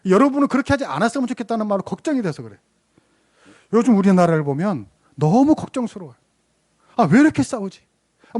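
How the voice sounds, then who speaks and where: A man's voice: high-pitched, darkish tone. A middle-aged man preaching a sermon as a pastor, telling a story and asking the congregation rhetorical questions with rising emphasis. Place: church sanctuary.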